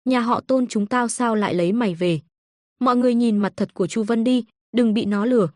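A woman's voice: fairly high pitch, brisk, a little mellow, no room sound, clean studio sound, natural voice. A woman voicing a spiteful, scheming older mother-in-law who scolds and curses shrilly in a storybook reading. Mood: wailing insults.

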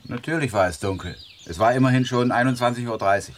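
An actor playing a frightened, nervous male asylum inmate in a radio drama, recounting events in a halting, jittery way. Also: mid-range voice, natural voice. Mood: agitated. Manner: halting, jittery, slow and drawn out when haunted. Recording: audible background noise.

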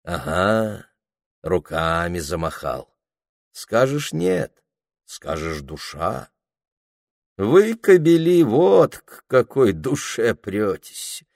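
Man voicing bitter worldly woman, chesty mocking tone, slightly lowered voice, dry close recording. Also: very animated, slow, vocal fry, dry recording, heavily acted.

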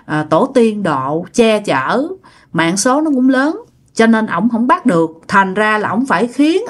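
A woman with a Southern Vietnamese accent telling a ghost story in a loose, chatty, conversational way, full of small tag particles. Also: on the high side. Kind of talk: casual spoken ghost story.

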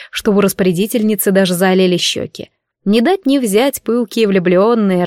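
A woman's voice: mid-range voice, darkish tone, dry recording. A woman reading a first-person story in a wry, lightly ironic way, close to the mic. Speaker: audiobook narrator. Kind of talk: first-person scripted narration.

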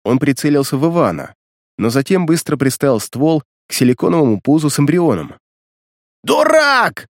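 A man narrating an audiobook with expressive storytelling. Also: medium pitch, brisk, no echo, clean studio sound.

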